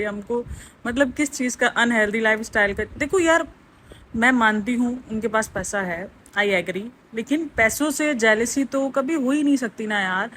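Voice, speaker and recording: Chatty woman vlogger, slightly high voice. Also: a bit bright, slight background noise. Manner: chatty, defensive, preachy. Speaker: reaction vlogger. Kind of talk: casual reaction vlog.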